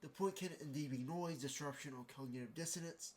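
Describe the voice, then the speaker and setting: Guy on his podcast, a bit high-pitched, rambles and cuts himself off, kinda exasperated. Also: fairly quick, slight background noise. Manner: rambling, self-interrupting, exasperated. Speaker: podcast host. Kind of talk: casual monologue reading from a screen.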